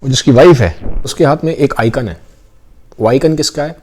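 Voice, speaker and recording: A man's voice: medium pitch, moderate pace, a little mellow, breathy edge. Man casually retelling a story. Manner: conversational, mixes Hindi with English phrases, acts out quoted lines.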